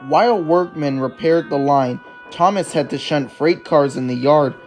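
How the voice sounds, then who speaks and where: Guy reading a kids storybook, gentle and measured, faint music behind. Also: a little high. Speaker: narrator. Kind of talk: storybook narration.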